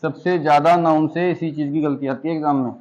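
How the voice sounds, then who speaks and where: A man's voice: on the high side, steady tone, fairly quick, a little mellow, muffled recording. Man teaching a classroom lesson. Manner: patient, addresses students as beta. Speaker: English teacher.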